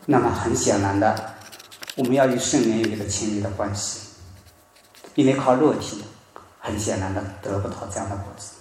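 A man preaching a sermon, telling a story with emphatic rises and soft drops in his voice. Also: on the low side, normal speed, pauses often, a little hiss or hum. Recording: very echoey room.

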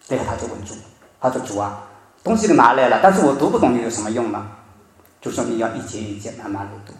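A man preaching a sermon, telling a story with emphatic rises and soft drops in his voice. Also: medium pitch. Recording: very echoey room.

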